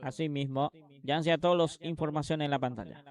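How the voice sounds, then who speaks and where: A man's voice: on the high side, steady tone, fast talker, darkish tone. A man with a Paraguayan accent giving live match analysis as a football co-commentator.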